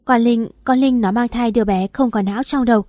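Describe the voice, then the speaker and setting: A woman's voice: fairly high pitch, fairly even intonation, a little fast, warm tone, dry recording, clean studio sound, lightly acted. A woman reading the part of an indignant, nagging mother-in-law in an audio story. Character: scolding older mother-in-law.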